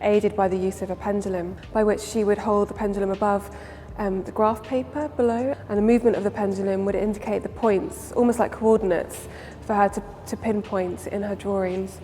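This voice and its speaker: A woman giving a measured, explanatory account in a documentary interview. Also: mid-range voice, steady tone, dark tone. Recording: long hall reverb, faint ambient noise.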